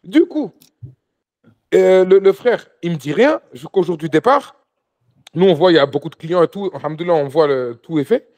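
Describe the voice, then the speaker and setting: A man's voice: high voice, lively intonation, moderate pace, darkish tone. A man guest telling a travel-guide story in a casual interview, acting out dialogue with many restarts.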